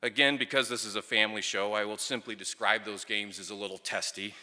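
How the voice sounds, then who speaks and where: This tribute speech comes from a middle-aged ex-player and coach standing at a microphone before an audience in a big venue. His lowish voice is bright and forceful, his intonation fairly even and his pace a little fast. He delivers his stories with wry, dry humour, and the hall's long reverb echoes around him.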